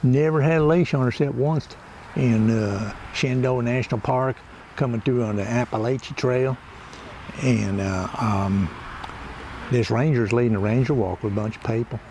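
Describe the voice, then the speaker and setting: Man doing a rustic backwoods guy, gravelly voice, meandering comic monologue, chuckling to himself, outdoors. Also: medium pitch, normal speed, darkish tone, slight background noise, close to an everyday voice. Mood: rambling. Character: rambling rustic backwoods man, folksy and cranky. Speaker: comedy monologue host. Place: outdoors by water.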